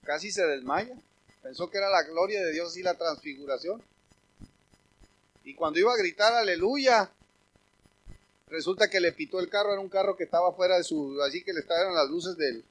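A man preaching a sermon as pastor, telling humorous stories and swinging from quiet asides to loud calls. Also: high voice, lively intonation, normal speed, long pauses.

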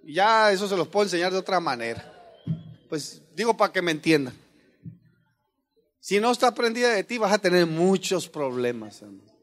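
High-voiced pastor preaching. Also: male voice, sing-song, normal speed, long pauses, a bit bright. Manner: earnest, addresses listeners as brothers, rhetorical questions. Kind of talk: conversational sermon.

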